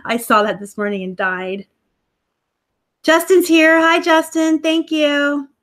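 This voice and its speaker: A woman with a high, fairly bright voice speaks slowly while hosting a casual home live stream, chatting with viewers in a snarky way and laughing often. She's a livestream host and online reseller reading out comments, recorded through her laptop.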